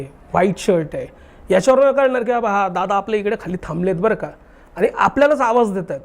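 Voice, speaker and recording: A young man telling a haunted story in casual chat, acting out the dialogue animatedly. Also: high-pitched. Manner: animated, acts out dialogue in his retelling. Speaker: guest telling a true ghost story.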